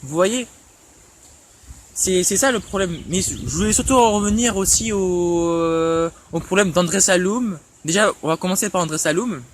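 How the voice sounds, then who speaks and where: High-voiced man stammering through a scolding rebuttal. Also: moderate pace, a little hiss or hum. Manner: stammering, repeats words and restarts often; reproachful, addresses a rival directly with questions. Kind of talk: impassioned online rebuttal.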